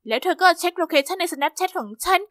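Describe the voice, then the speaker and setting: Female story narrator, high-pitched, lively and expressive, dry close studio sound. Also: brisk, dry recording. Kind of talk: scripted first-person narration.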